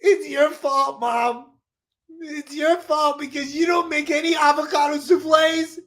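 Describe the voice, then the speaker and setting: A man voicing an abandoned child with a high, crying whine, in improvised comedy. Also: fairly even intonation, measured pace, bright, forceful tone, heavily acted. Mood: whiny.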